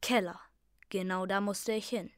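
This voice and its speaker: A woman reads a fantasy story aloud, calm and soft, sometimes sinking to a near whisper. Her pitch sits in a middle range. The recording is dry and close, with no room echo. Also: moderate pace.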